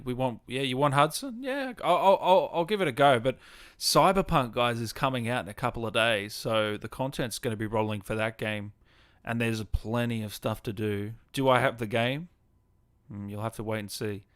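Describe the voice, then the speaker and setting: A man hosts a live gaming stream, chatting casually and answering viewers' comments in an informal, matey way as a gaming content creator. His medium-pitched voice is a bit bright, with a dry, clean studio sound.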